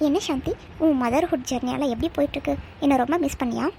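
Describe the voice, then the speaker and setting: A woman's voice: sits high, fast talker, warm tone, a little hiss or hum. Glib cartoon husband, teasing, dismissive, a woman voicing him. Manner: smooth-talking and dismissive. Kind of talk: cartoon voice acting.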